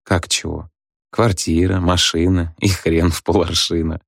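A man's voice: low voice, level tone, measured pace, gravelly, no echo, clean studio sound, heavily acted. A man playing a meek joking husband. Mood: placating. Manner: mild, placating, proverb-quoting.

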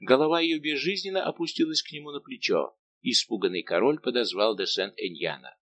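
A man narrating an audiobook in a measured, expressive reading. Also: medium pitch. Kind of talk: scripted narration.

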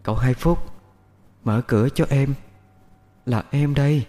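A man's voice: mid-range voice, a little slow, warm tone, big-room sound, voice pushed up, natural voice. A man putting on an eerie young female ghost. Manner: eerie, teasing, sing-song. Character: mocking female ghost, young woman spirit.

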